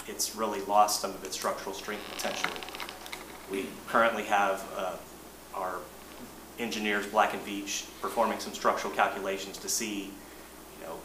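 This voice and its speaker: A man with a somewhat low voice walks a board through a technical update, speaking in a measured, plain way and often restarting his phrases. He sounds set back from the mic in an echoing room, with clear background noise. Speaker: engineering manager briefing a board. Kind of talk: presentation to a board. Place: boardroom meeting. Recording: roomy distant mic, noisy meeting room.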